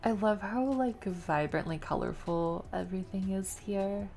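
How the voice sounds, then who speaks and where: A woman's voice: mid-range voice, measured pace, mellow, faint music behind. A woman with an American accent giving casual live commentary as she streams a game. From United States. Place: indoors at a PC, game music behind.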